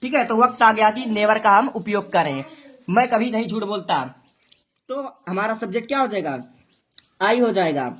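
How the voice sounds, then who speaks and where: A woman's voice: medium pitch, lively intonation, normal speed, a bit bright. A woman teaching a translation lesson, explaining each step, asking and answering her own questions, and spelling out words letter by letter. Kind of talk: Hindi-to-English translation lesson.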